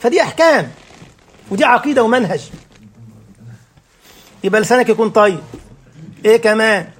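A man's voice: high-pitched, lively intonation, a little fast, slight background noise. A man with an Egyptian accent teaching a religious lesson, firing rhetorical questions and checking that his listeners follow. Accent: Egyptian Arabic.

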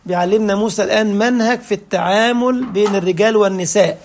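A man's voice: high voice, fast talker. A man with an Egyptian Arabic accent preaching, interpreting verses with rhetorical questions and joking asides. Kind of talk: sermon with Quran recitation.

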